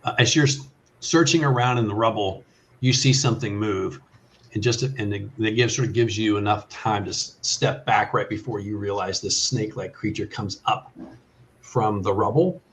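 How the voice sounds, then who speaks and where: On an online call, a man with a voice on the low side narrates a tabletop game as game master, halting and thinking aloud as he goes.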